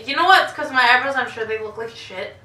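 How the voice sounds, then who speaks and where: A young woman with a high, bright voice talks casually, often dropping to a self-mocking mumble and swearing freely. She sounds a little far from the mic in an echoey room. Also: quick pace. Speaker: vlog co-host. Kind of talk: casual tipsy chat. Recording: echoey room, camera mic from a distance, faint noise.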